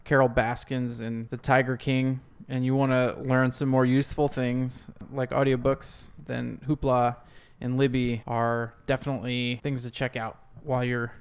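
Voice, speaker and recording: A man's voice: medium pitch, level tone, normal speed, smooth. A man hosting a casual podcast chat, rambling and chatty, laughing often. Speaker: podcast host.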